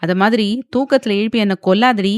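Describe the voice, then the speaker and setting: A woman's voice: medium pitch, a little fast, no room sound, studio quality, close to an everyday voice. A woman voicing an irritable young husband who scolds and mocks his wife. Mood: irritated. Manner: grumbling, scolding, mocking.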